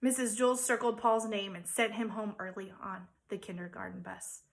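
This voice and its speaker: A woman teacher reading a children's chapter book aloud with expressive, animated storytelling. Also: medium pitch, moderate pace, vocal fry. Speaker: third-grade teacher.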